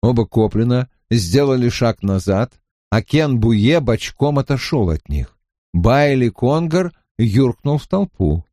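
A man narrating a fantasy novel as an audiobook in an expressive storytelling manner. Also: mid-range voice, a little slow, no room sound, studio quality.

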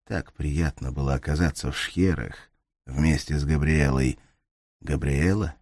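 A man narrating a suspense audiobook in a measured way, slowing down in tense moments. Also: a bass voice, mellow, dry recording, clean studio sound. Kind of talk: scripted narration.

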